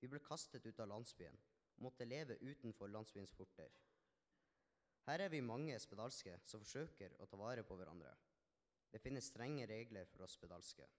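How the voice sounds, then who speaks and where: Here the healed Samaritan leper is voiced by a man whose fairly low, expressive tone stays near everyday speech. He tells his own story earnestly and reflectively, restarting now and then, in a somber mood, while long reverb from a hall hangs over the recording.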